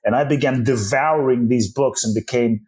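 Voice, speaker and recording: An earnest man in his forties tells his life story as a podcast guest. He was born in Ghana and raised in London, speaks in a voice of middle pitch, and often restarts his sentences. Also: normal speed, darkish tone. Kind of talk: reflective storytelling interview.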